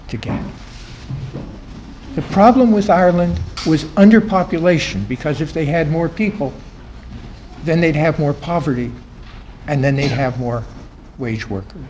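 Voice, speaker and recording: Male panel speaker with a slightly high voice, lecturing a live audience. His phrase endings fade, and he repeats points for emphasis. Faint room noise. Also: darkish tone, rough recording. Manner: voice drops and trails off at the ends of phrases; emphatic repetition of key phrases. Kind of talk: academic talk to a live audience. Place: conference room.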